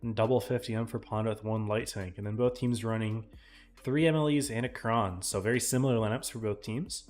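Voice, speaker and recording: A man casting a live esports match in a casual, chatty way, his voice tiring and often clearing his throat. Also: on the low side, steady tone, a little fast, darkish tone, faint music behind. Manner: casual, chatty, talks to chat viewers. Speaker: esports caster.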